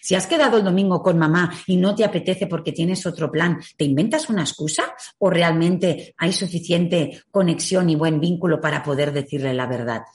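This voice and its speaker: A woman giving a reflective talk on emotional growth and parenting. She asks many rhetorical questions and slows down to stress key phrases. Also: fairly low pitch, darkish tone.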